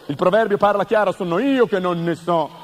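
Guy doing absurd deadpan standup, high voice, faint hum behind. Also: fairly quick. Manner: deadpan wordplay, mock-serious questions. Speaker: comedian.

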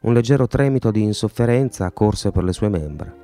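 A man reads a literary novel aloud in a measured, expressive manner. His low, dark voice moves through a lively range of pitch, and the dry recording sits close to the mic with faint music behind. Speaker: audiobook narrator. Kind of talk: literary audiobook narration.

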